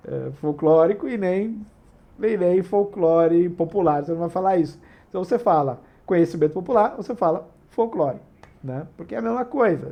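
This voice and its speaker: A man's voice: high-pitched, a little mellow. A man with a Brazilian Portuguese accent, hosting a tabletop RPG channel and explaining rules in a casual, digressive way with frequent tag questions.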